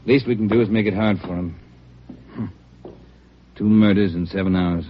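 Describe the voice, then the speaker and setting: An actor playing a brisk police chief who gives orders to his detectives in a 1950s radio drama. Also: fairly low pitch, fairly even intonation, slight background noise, natural voice. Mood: commanding. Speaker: police captain in charge. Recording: muffled vintage radio broadcast.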